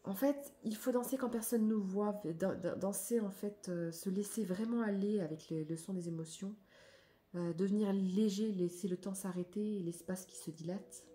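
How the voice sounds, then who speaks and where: Soft-spoken woman reading oracle cards. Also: medium pitch, fairly even intonation, moderate pace. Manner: soft, reflective, often trailing off. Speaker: spiritual card reader.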